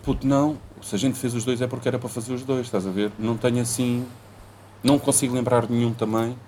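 A man's voice: medium pitch, fairly even intonation, fast talker, dark tone, a little hiss or hum. A young man, bantering casually with a friend in insistent slang, swearing freely. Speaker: rapper.

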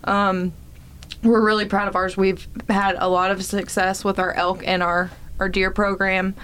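A woman's voice: mid-range voice, flat delivery, unhurried, a bit bright, a little hiss or hum. A woman guest in a casual interview, explaining programs in a friendly way with frequent ums. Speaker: foundation representative, guest.

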